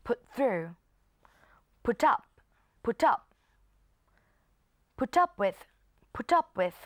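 A woman's voice: fairly high pitch, fairly bright tone, dry recording, studio quality. Woman teacher modeling English words. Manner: explains in Thai, models English words slowly and clearly. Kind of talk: televised exam-prep lesson.

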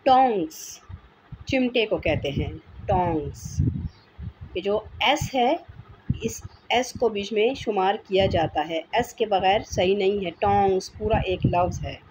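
A woman teaches a vocabulary lesson in a medium-pitched, unhurried voice, patiently repeating each word as she explains it. It's a noisy home recording.

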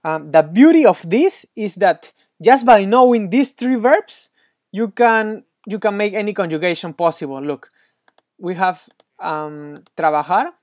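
Guy teaching spanish one on one, slow and patient, lots of praise, dry close sound. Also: sits high, dry recording. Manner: patient, encouraging, praises often. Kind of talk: one-on-one language tutoring.

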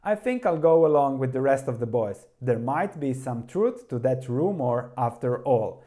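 Read as a man a crafty oil prospector, slightly sly, mellow and dark. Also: mid-range voice, animated, normal speed, lightly acted. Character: cunning old male oil prospector.

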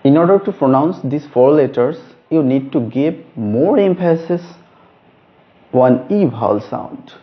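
A man teaching a lesson on letter names, speaking slowly and stressing each letter. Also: medium pitch, expressive. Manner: slow, deliberate, stresses each letter name. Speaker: English teacher. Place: room with a whiteboard. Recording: dull lo-fi recording.

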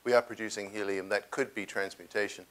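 An older man in a large lecture hall, answering audience questions on a lapel mic, halting with many restarts. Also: fairly low pitch, fairly even intonation, a bit bright. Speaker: guest speaker taking audience questions.

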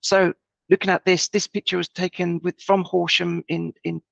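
A woman presents an astronomy lesson, her voice gruff and strongly gravelly from the early hour. She speaks haltingly, with many ums and restarts. The audio is dull and dry, with no room sound. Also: lowish voice, level tone, no room sound. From United Kingdom. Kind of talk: online presentation talk.

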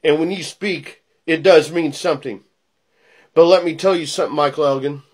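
A middle-aged man delivering a wrestling promo, a theatrical, taunting monologue that moves between low menace and loud intensity. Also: moderate pace, husky. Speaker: pro wrestling personality cutting a promo. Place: small plain indoor room.

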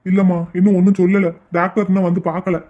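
A man playing a calm father and older brother who reasons patiently in a homemade drama. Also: high voice, phone-quality sound, natural voice. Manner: patient, measured persuasion.

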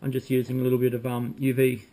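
Relaxed man tying flies. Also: medium pitch, quick pace, a little hiss or hum. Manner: relaxed, talks while working, frequent ums. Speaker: fly tying instructor. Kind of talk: casual demonstration. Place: home room with bookshelves, indoors.

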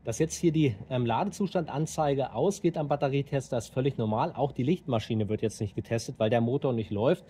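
A man in his thirties hosting a how-to video, explaining to viewers in a steady, direct way while standing outdoors in a driveway by a car. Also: mid-range voice, a little fast, few pauses, a little hiss or hum. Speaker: DIY car channel host.

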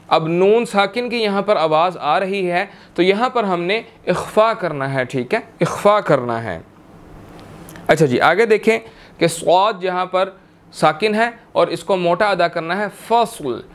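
Guy teaching tajweed, high clear voice, slow, stretches out each verse then explains letter by letter. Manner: slow drawn-out recitation, then explains each letter, says "theek hai" often. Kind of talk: recorded tajweed lesson.

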